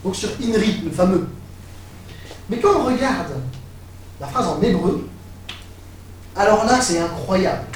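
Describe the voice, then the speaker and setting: A man preaching a sermon, animated and building to excited exclamations. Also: sits high, measured pace, long pauses, slight background noise. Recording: echoey hall, voice from far off.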